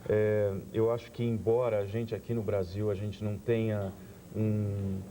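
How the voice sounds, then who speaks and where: A man, a theater director on a TV talk show, explaining his work in a thoughtful, measured way. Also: lowish voice, little pitch movement, noisy background. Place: TV studio.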